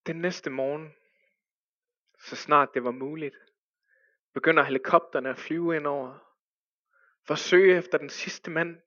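A man telling a story as a sermon, with hushed dramatic pauses that rise to urgent cries. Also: fairly high pitch, steady tone, no echo, lo-fi sound.

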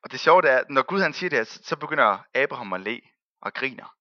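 Bright-voiced male preacher, dry lo-fi sound. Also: medium pitch, dry recording. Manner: lively storytelling, acts out quoted voices, laughs often. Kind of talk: sermon.

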